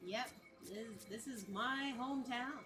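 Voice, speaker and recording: A woman's voice: a little high, slow pace, pushed and bright, soft background music. A woman co-hosting a gaming stream, giggly and teasing in casual chat. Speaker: gaming co-host.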